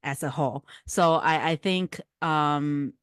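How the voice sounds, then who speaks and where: A woman's voice: sits low, takes it slowly, clear, resonant tone, no room sound, clean studio sound. A woman from Taiwan, a filmmaker answering questions thoughtfully and often searching for words. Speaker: filmmaker and producer.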